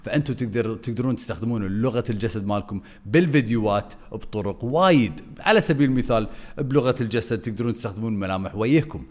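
A man giving an energetic video lesson as a content coach, swinging his voice up and down on purpose. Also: fairly low pitch.

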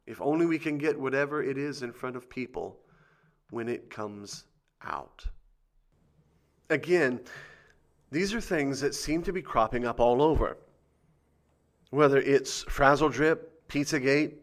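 A man's voice: medium pitch, a bit bright. A man hosting a conspiracy show, reading scripted commentary with dramatic emphasis and rhetorical questions.

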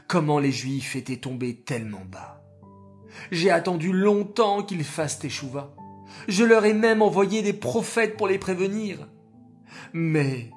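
A storyteller voicing God as a grave, sorrowful presence speaking slowly in a children's story. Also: medium pitch. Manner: grave, measured. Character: solemn, sorrowful divine voice.

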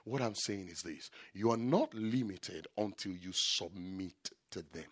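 A man preaching a sermon, shifting between loud shouted peaks and low quiet asides, repeating key lines for emphasis. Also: measured pace.

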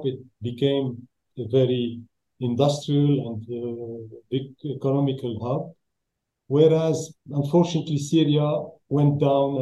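A man with a Lebanese accent telling stories as an interview guest, halting as he searches for English words. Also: mid-range voice, warm tone, muffled recording. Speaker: interview guest, roofing business owner. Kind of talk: conversational storytelling in an interview. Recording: echoey room sound.

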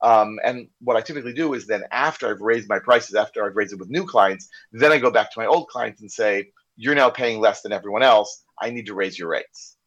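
Brisk and with few pauses, his somewhat bright, lowish voice carries a candid story told during a casual podcast conversation. The American corporate trainer, there as a guest, acts out the dialogue he quotes; the recording is slightly dull and lo-fi.

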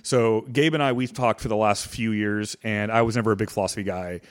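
A man's voice: lowish voice, steady tone, fairly quick, clear, resonant tone. A young adult man hosting a casual podcast, explaining ideas in a rambling way with lots of fillers and restarts. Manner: rambling, self-correcting, heavy on fillers. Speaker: podcast host. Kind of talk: casual chat and teaching.

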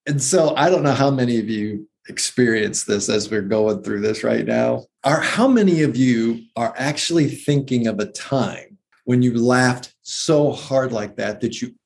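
Gravelly man explaining anatomy with enthusiasm. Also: mid-range voice, measured pace, few pauses, a little hiss or hum. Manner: enthusiastic, detail-heavy, lists muscle names. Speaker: former anatomy teacher, guest. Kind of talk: casual conversational explaining.

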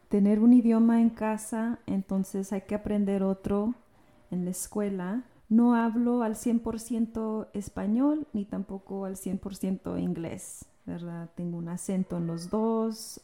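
A woman's voice: medium pitch, dark tone. A woman co-hosting a casual podcast chat, earnest and thoughtful, with frequent affirming hums. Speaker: podcast co-host. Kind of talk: casual conversation.

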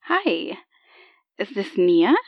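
A calm, patient AI copy of an older woman, voiced by a woman, speaking over an old telephone line. Her voice comes through dull and lo-fi, and it sounds dry and close. Faint music plays behind her. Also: medium pitch, gravelly, no room sound, heavily acted. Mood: calm explaining. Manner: patient, explaining, slightly halting.

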